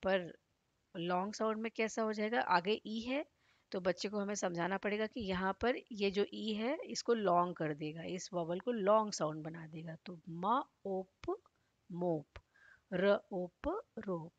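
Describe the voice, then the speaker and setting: A woman's voice: medium pitch, moderate pace, no room sound, lo-fi sound. A woman teaching a phonics lesson, sounding out letters one at a time and then blending them into whole words. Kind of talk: slow step-by-step phonics lesson.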